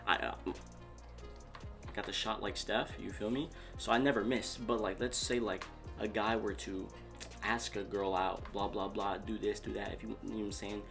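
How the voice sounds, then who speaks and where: A man's voice: lowish voice, steady tone, normal speed, gravelly, a bit bright, faint music behind. A man playing a boastful self-proclaimed relationship doctor in a comedy sketch, rambling and repeating himself. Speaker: comedic YouTube host in character.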